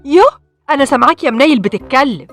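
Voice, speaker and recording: A sharp-tongued, middle-aged mother from a comic radio serial, who bosses her son around and snipes at the neighbours in an Egyptian accent. Her voice is high and swoops widely, and she fires her words off very fast. She is bossy and mocking. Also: lively intonation, soft background music. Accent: Egyptian Arabic. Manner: bossy, mocking, rapid-fire. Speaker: radio drama actress.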